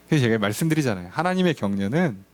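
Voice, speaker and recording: Lively pastor, man, animated delivery. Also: mid-range voice. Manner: lively, acts out quoted voices, conversational with congregation. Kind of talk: Bible study sermon. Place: church.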